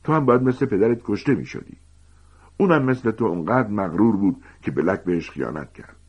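A man's voice: fairly low pitch, lively intonation, husky, voice pushed up. A man voicing a stern, bitter male professor who speaks coldly and harshly in a storybook reading. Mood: furious. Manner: cold, harsh and shouting. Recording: dull lo-fi recording.

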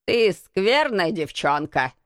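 A woman voicing a gruff old male Yorkshire gardener who speaks in a shaky, muttering way. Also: fairly low pitch, expressive, measured pace, a bit bright, dry recording, clean studio sound. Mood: scolding. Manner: trembling, muttering.

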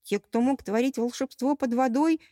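A woman's voice: sits high, moderate pace, dark tone, no room sound, studio quality, pitched above the performer's own voice, natural voice. A woman voicing a young mermaid who objects in disbelief in an audiobook. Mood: disbelieving. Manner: disbelieving, argumentative.

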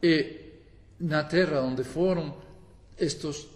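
A man's voice: on the high side, drawn-out words, big-room sound. Hesitant man with a tongue. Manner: searching for words, many hesitations. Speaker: guest author. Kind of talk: radio interview.

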